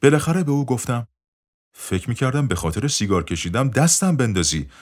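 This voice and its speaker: A man reading a first-person story aloud in an expressive storytelling way. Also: medium pitch. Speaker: narrator. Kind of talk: first-person audiobook narration.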